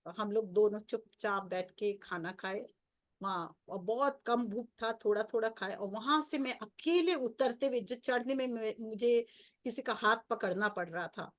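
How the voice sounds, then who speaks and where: A woman's voice: on the high side, unhurried. A middle-aged woman, a spiritual coach, earnestly recounting her spiritual experiences as a personal story. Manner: earnest storytelling, grows excited and breathless. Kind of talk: personal testimony.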